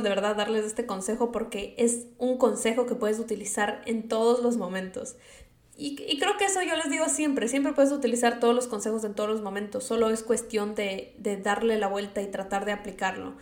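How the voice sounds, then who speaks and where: A woman's voice: fairly high pitch, normal speed, echoey room. Chatty young Latin American woman. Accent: Latin American Spanish. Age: young adult. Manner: chatty, animated, mixes English words into Spanish. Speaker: vlogger. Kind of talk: casual advice chat.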